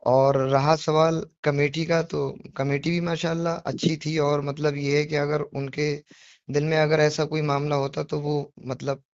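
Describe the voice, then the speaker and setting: This devotional poetry reciter, a man with a somewhat high voice, comes through a dull, lo-fi, dry phone recording. His delivery is flat and measured as he apologetically and insistently justifies himself, repeating his point and posing questions that expect agreement.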